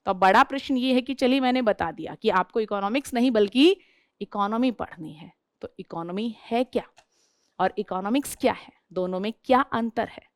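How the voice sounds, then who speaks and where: High-voiced woman teacher posing questions. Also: moderate pace, no echo, studio quality. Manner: asks the class questions and answers them herself. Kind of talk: classroom lecture.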